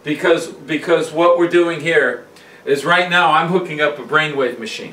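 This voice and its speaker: A man's voice: fairly high pitch, moderate pace, fairly bright tone, distant mic. A man in his fifties speaking emphatically and repetitively to camera as a hypnotist promoting his training. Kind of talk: promotional talk to camera and live demonstration. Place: hotel room and airport, indoors. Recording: roomy echoing camera sound.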